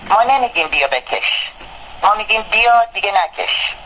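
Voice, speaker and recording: A woman's voice: mid-range voice, lively intonation. A woman talking as a guest on a phone-in radio interview, earnest and explaining at length with repeated questions. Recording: tinny phone line with faint hiss.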